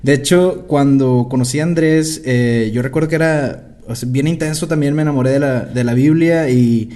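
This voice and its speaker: Late 20s guy hosting a chill podcast, mellow voice, reflective. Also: medium pitch, moderate pace. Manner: relaxed, reflective, short affirmations. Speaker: podcast host. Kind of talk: casual podcast conversation.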